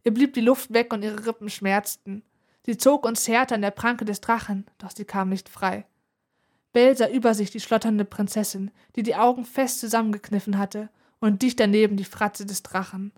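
A woman narrating a children's adventure story aloud in an even, expressive way. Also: medium pitch, normal speed. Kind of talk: storybook reading.

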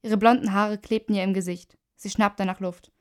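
Woman reading a story out loud, calm n even, mid voice. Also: medium pitch, moderate pace. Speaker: narrator. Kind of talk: storybook narration.

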